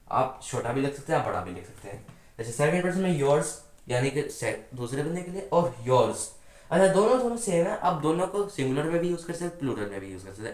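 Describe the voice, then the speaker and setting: A man's voice: fairly high pitch, roomy sound. A man teaching a grammar lesson patiently, often asking his students questions and answering them himself. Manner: patient, asks the class rhetorical questions. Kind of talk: explanatory classroom lesson.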